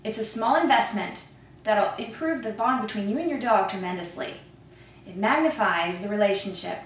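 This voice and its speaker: A woman presenting a product in a persuasive, upbeat infomercial sales pitch. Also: slight background noise. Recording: echoey room, mic at a distance.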